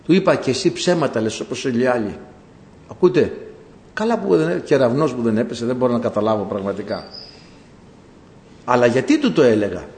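A man preaching a sermon, lively and animated, acting out the voices of the people he talks about. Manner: animated, acts out voices of people and God in rising pitch. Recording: echoey hall.

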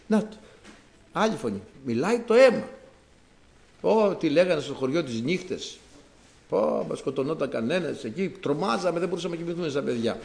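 Animated Greek preacher with a lively voice. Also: male voice, a little high, vocal fry. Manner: animated, rising to emphatic outbursts. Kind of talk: sermon.

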